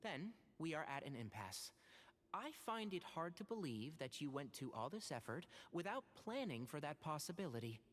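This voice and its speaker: A man's voice: on the high side, big pitch swings, moderate pace, slight background noise. A man voicing a composed, shrewd young scholar in a video game, articulate, polite and probing. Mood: calm, probing.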